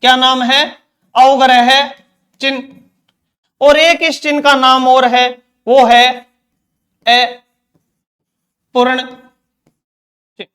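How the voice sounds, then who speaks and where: A man's voice: very high voice, level tone, slow pace, pauses often, fairly bright tone. A man teaching Hindi grammar in an exam-prep lecture, asking questions and answering them himself, repeating key terms.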